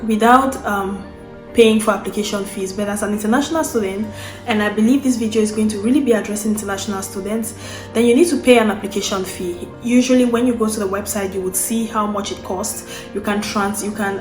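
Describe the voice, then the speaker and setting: A woman's voice: mid-range voice, darkish tone, echoey room. A young Cameroonian woman, a vlogger, explaining a process in casual unscripted talk, often restarting and repeating phrases as she goes.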